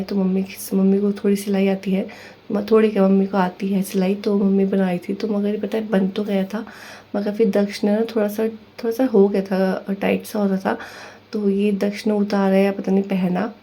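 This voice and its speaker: A woman in her thirties, a housewife vlogger, chatting through her chores in a soft, hushed voice, wandering off and restarting her sentences. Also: mid-range voice, husky. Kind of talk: casual kitchen vlog voice-over.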